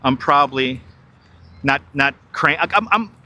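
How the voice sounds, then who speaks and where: Strolling by a river on a live stream, this middle-aged man from New York talks unhurriedly in a sharp, higher-leaning voice with lively intonation. Through a wireless clip-on mic, he chats, repeats himself, and reads out and replies to viewer comments.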